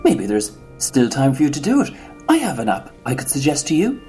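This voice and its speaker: A man's voice: mid-range voice, wildly swooping pitch, a little fast, a little mellow, faint music behind. A man voicing a prim, sardonic parish priest in a comedy sketch, patient and mildly scolding. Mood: dry, scolding.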